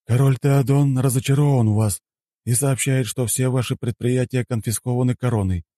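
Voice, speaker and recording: A man's voice: mid-range voice, fairly even intonation, normal speed, warm tone, dry recording, studio quality, pitched above the performer's own voice, lightly acted. A man voicing magical tendrils that formally relay messages in an audiobook. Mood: announcing. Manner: formal, announcing.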